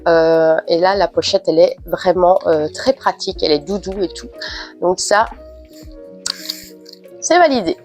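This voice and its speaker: A woman's voice: on the low side, a little slow, long pauses, a little mellow, soft background music. A woman with a cold and a stuffy, nasal voice, chatting casually through an unboxing with frequent hesitant fillers. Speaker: unboxing vlogger.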